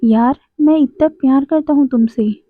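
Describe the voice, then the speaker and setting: A woman voicing a possessive young man who keeps pleading his devotion, in a fairly high voice. The sound is tinny and phone-like, with no room echo at all. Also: normal speed, close to an everyday voice. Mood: tender. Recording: dry, tinny phone-like audio.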